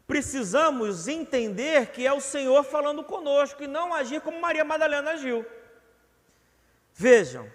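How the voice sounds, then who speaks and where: A young man with a Brazilian accent preaches in earnest, often repeating a word to drive it home. His voice sits fairly high for a man. The long reverb of a church hall trails after each phrase. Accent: Brazilian Portuguese. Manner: earnest, repeats words for emphasis. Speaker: pastor. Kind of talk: sermon.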